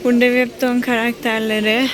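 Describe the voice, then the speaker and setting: A woman's voice: on the high side, level tone, fairly quick. A woman chatting casually to her viewers as she narrates a visit to an amusement park. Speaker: vlogger. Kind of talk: casual vlog chat, narrating as she goes. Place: amusement park, moving around among rides. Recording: busy amusement park crowd, loud music. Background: loud music and crowd noise.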